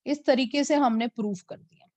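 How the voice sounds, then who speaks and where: A woman physics teacher, mixing Hindi and as she teaches an online class and slowly repeats numbers for her students. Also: high-pitched, a little mellow, dry recording. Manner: mixes Hindi and English.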